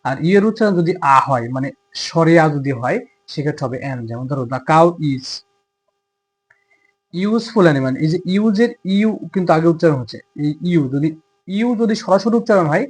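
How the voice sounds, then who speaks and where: A man's voice: fairly high pitch, a little mellow, husky. A man with a Bangladeshi accent teaching a grammar lesson. He explains step by step and asks questions he answers himself.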